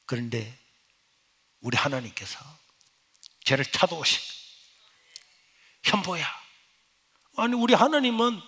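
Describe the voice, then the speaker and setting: A middle-aged male pastor, preaching a sermon as personal testimony. He swings from loud exclamations to hushed, near-whispered lines. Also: on the high side, sing-song, normal speed, pauses often, slightly rough.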